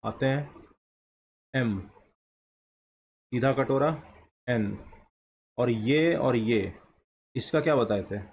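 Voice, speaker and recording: A man's voice: mid-range voice, darkish tone, slight background noise. A man teaching a shorthand lesson, drawing as he goes and asking questions that he then answers himself. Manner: slow, asks himself questions and answers them. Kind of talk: explaining a lesson while drawing.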